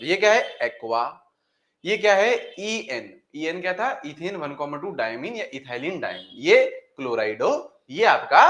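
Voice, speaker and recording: With a sharp tone and fairly high pitch, a male chemistry teacher leads his classroom by asking questions and repeating the answers. He calls his students "beta" and drills step by step, repeating key steps and words.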